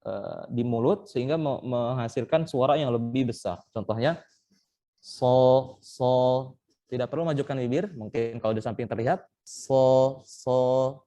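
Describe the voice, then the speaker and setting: Patient man teaching recitation, mellow tone. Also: mid-range voice. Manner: patient, explains step by step and sounds out letters as examples. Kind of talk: online training lesson. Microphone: online call.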